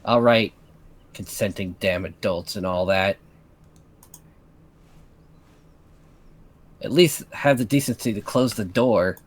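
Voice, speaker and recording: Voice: mid-range voice, sing-song, slow pace. Someone playing a bitter, sneering young woman. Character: bitter, prim young woman, stewing in a foul mood. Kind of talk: amateur voiced story reading.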